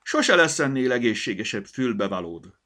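A man voicing a hearty old peasant market woman with a Palóc accent in a storybook, loud and folksy. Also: mid-range voice, big pitch swings, pitched above the performer's own voice.

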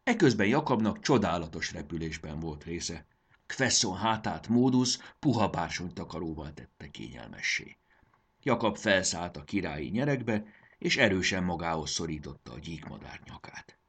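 A man's voice: low voice, big pitch swings, a bit bright, breathy edge. A man narrating a children's storybook expressively, voicing the characters.

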